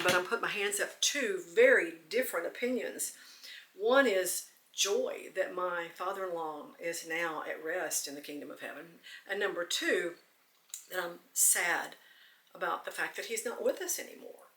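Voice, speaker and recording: A woman hosts a devotional podcast, earnest and teary, nearly choking up as she repeats phrases for emphasis. Her voice sits on the low side with a sharp tone. It was captured on a camera from a distance in an echoey room, off-mic.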